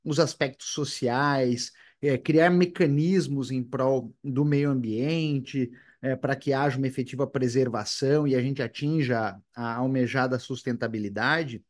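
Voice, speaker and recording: A man's voice: medium pitch, measured pace, hardly any pauses. A man interviewing a guest, asking long, winding questions full of hesitant fillers.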